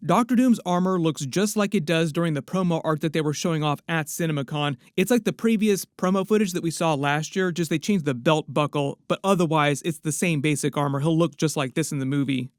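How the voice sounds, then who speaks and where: A man's voice: a little high, fairly quick, few pauses, clear, resonant tone, no room sound, studio quality. A man giving casual movie-news commentary in a rambling, speculative way with frequent asides.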